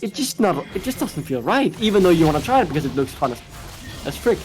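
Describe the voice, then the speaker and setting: A man with a Danish accent casting an esports match, excitable and jokey, shouting at big plays. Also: high voice, fast, soft background music. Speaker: esports caster. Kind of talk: play-by-play commentary.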